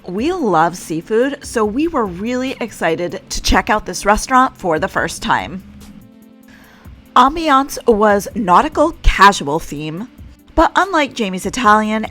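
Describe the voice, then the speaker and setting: A woman's voice: on the high side, a bit bright. Chatty woman vlogging on a cruise. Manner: chatty, upbeat, addresses viewers directly. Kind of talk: casual vlog narration. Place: aboard a cruise ship.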